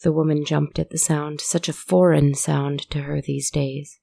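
A woman narrating a story in a measured, deliberate way. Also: low voice, little pitch movement, gravelly, warm tone, dry recording.

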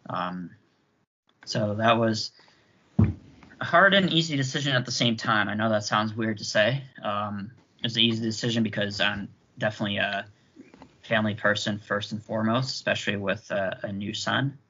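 A young man in casual podcast chat, talking in a hesitant, halting way with many restarts over a remote call. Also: fairly low pitch, pushed and bright. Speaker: podcast co-host. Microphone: remote call mic. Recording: dull lo-fi call audio.

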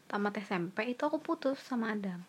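A young woman in her twenties with a husky, slightly breathy voice talks casually. She tells her stories in a lively way, mocking herself and laughing often. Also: medium pitch, fast. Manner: lively, self-mocking, slangy. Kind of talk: casual chat.

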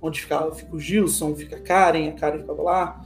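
A man telling a story in casual conversation, lively and acting out the dialogue he quotes. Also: a little high, fast, reverberant, faint music behind. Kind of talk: animated anecdote telling.

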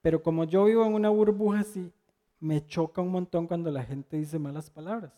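A man's voice: a little high, steady tone, fairly quick, dark tone. A middle-aged man preaching a sermon, telling a personal anecdote in a conversational storytelling way with rhetorical questions.

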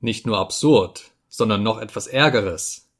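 A man doing a grumbling, gruff companion. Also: lowish voice, unhurried.

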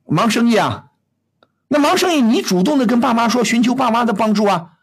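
A middle-aged man scolds his caller on an advice show, firing off one blunt question after another. His voice is husky and swings widely in pitch. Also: expressive, a little fast. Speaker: radio advice host.

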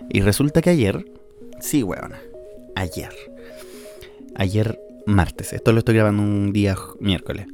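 Young Chilean man, podcast host, open and emotional, slightly low voice, soft music underneath. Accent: Chilean Spanish. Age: 20s. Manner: candid, emotional, swings between laughing and tearful. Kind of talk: casual confessional monologue.

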